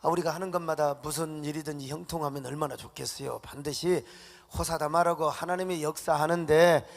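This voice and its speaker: Dramatic male pastor, high and gravelly, long church-hall reverb. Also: steady tone, brisk. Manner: dramatic, swinging between shouts and hushed asides. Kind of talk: sermon. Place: large church sanctuary.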